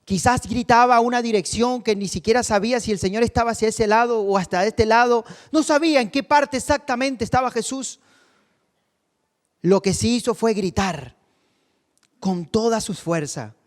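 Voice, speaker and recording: A man delivers a sermon as co-pastor, his voice pitched high for a man. He asks the congregation questions and climbs to loud cries. His words ring out with the long reverb of a large church hall. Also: moderate pace. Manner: preaching with rhetorical questions, voice rising to cries when quoting.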